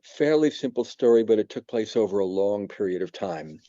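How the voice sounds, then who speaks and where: Reflective man in his seventies, dark voice. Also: on the low side, expressive, no room sound, lo-fi sound. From New York. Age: 70s. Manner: halting, reflective, many pauses and fillers. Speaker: church member giving testimony. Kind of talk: personal testimony.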